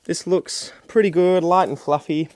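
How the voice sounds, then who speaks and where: A man's voice: a little high, fairly even intonation, normal speed, darkish tone, slight background noise. An Australian man chatting casually while demonstrating a task, in a rambling, self-deprecating, slangy way. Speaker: gardening video creator.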